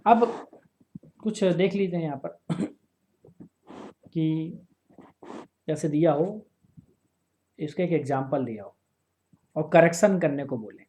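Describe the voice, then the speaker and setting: A man teaching a grammar lesson for exam prep, slowly repeating phrases and often checking that listeners follow. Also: a little high, animated, warm tone, a little hiss or hum.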